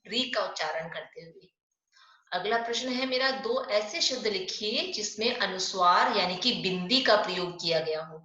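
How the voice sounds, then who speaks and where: Hindi teacher in an echoey room. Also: female voice, mid-range voice, animated, pushed and bright, highs cut off. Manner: patient, asks questions and answers them herself; spells words out slowly. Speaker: primary school Hindi teacher. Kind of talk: online class lesson.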